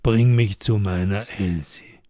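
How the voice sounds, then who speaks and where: A man voicing the sad, gentle ghost of an old man, who pleads slowly and low. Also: no room sound, clean studio sound. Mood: mournful.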